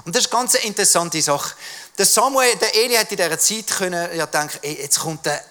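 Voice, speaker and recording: A man's voice: sits high, brisk. A young man with a Swiss German accent preaching a sermon, telling stories and acting out the voices in them. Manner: animated storytelling, acts out voices.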